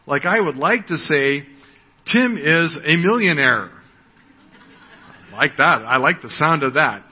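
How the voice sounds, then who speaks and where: A man's voice: a little high, animated, unhurried, slightly rough. An American man in his sixties giving a conversational sermon, often asking "right?" and repeating words as he starts a thought. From United States. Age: 60s. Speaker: preacher. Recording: dull audio with long hall reverb.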